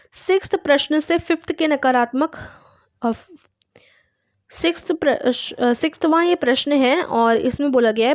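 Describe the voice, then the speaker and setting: A woman's voice: high-pitched, dry recording, clean studio sound. A woman teaching a course online, patiently explaining a test step by step with examples and reading words aloud. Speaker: English teacher.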